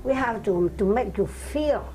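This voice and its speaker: An older woman, a piano teacher, speaking halting non-native English in an interview and counting beats aloud. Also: a little high, animated, darkish tone, rough recording. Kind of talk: interview with demonstration.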